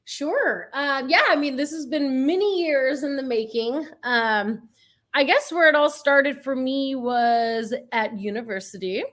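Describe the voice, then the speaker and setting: High-voiced woman as a podcast guest. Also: a little slow, fairly bright tone. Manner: thoughtful, hesitant with fillers. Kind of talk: conversational interview.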